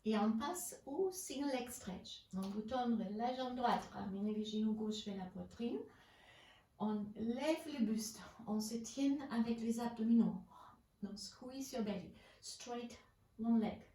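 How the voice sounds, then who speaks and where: Slow, calm woman pilates instructor. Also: fairly high pitch. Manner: calm counting and breath cues, mixing in English phrases. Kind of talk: guided workout instruction. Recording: roomy, mic at a distance, faint background hiss.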